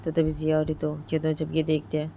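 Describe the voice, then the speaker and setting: A woman's voice: deep voice, completely flat delivery, fast, warm tone, a little hiss or hum. A woman narrating a romantic story in plain, run-on sentences strung together with linking words.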